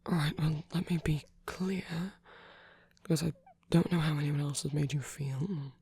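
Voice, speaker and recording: In an ASMR romance roleplay, a performer voices a gentle, slightly grumpy and possessive supernatural lover in an intimate one-sided dialogue. The delivery is soft, breathy and often whispered, tender and concerned, with hesitant pauses, medium pitch and fairly even intonation.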